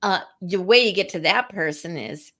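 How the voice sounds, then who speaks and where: A woman's voice: on the low side, moderate pace, sharp tone. A woman co-hosting a podcast, talking casually and animatedly, acting out quoted lines as she explains. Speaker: co-host. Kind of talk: conversational podcast talk.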